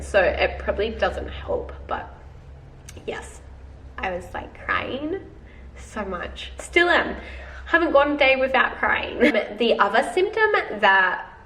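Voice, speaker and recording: A young woman vlogger with a head cold chats casually to her viewers in a video diary, full of fillers and calling them guys. Her voice is a little high and a bit bright, and the recording sounds roomy, slightly distant, with faint noise.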